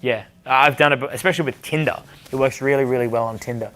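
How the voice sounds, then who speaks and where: A young man with a bright, forward, middle-range voice runs a dating seminar, answering questions as a coach. He talks fast and bluntly, swears freely, and often acts out conversations in bars.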